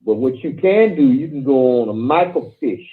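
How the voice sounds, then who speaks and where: A male caller on a talk show, telling stories in a rambling, halting way with many fillers. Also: medium pitch, animated. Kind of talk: phone-in talk. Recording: tinny phone line.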